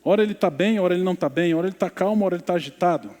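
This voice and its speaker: A man's voice: high-pitched, very fast. A man with a Brazilian Portuguese accent, preaching as a pastor and telling a story in church. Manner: storytelling, quiet and emotional in places. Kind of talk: sermon. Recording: long church reverb.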